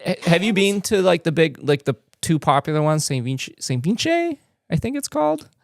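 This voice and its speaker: A man's voice: a little high, big pitch swings, brisk, creaky, no room sound, clean studio sound. A man hosting a podcast, chatting eagerly and laughing often with his guests. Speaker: podcast host. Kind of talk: casual chat.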